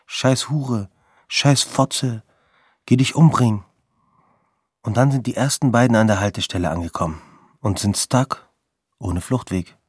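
A young man narrates short episodes in blunt, slang-heavy speech. His voice sits low and husky. The recording is close and dry, with no room sound. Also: a little mellow, no echo. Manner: blunt, street-slang narration with quoted outbursts. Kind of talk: storytelling monologue in vignettes.

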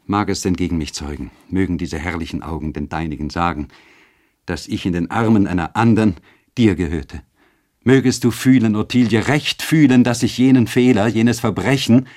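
A man's voice: on the low side, moderate pace, a little mellow, natural voice. A man voicing a passionate married nobleman who pleads his forbidden love in a storybook reading. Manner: impassioned, pleading.

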